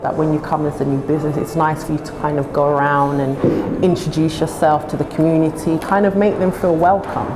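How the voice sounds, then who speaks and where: A woman with a London accent chats casually in a low-pitched voice. Her manner is playful and jokey. Music runs clearly underneath. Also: fairly even intonation, a little fast, few pauses, low-quality recording. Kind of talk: casual chat. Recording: music behind the voice.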